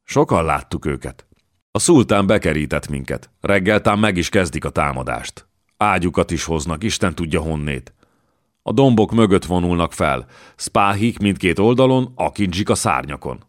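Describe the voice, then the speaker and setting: A man's voice: deep voice, animated, no room sound, clean studio sound. A man voicing an earnest young soldier who is out of breath and urgent.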